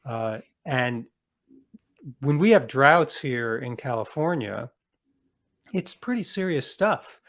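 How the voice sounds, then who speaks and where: Here the American guest's voice is medium in pitch, animated, and a bit bright. He explains his points in an earnest, chatty manner, pausing and reworking his phrasing as he goes.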